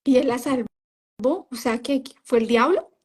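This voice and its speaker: A woman with a high, husky voice and a moderate pace gives her personal testimony as an interview guest. Formerly part of a religious group, she narrates her story casually, often quoting her own past words and saying "¿sabes?" and "o sea" a lot.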